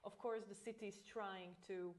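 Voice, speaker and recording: A woman's voice: medium pitch, moderate pace. Woman hosting an online webinar. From Slovakia. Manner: relaxed, hesitant with many fillers, laughs easily. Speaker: client services consultant. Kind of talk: webinar presentation.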